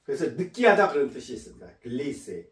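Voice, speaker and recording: A man teaching a lecture, often repeating words slowly to drill their pronunciation. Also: mid-range voice, very animated, roomy sound, recorded from a distance. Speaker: English teacher.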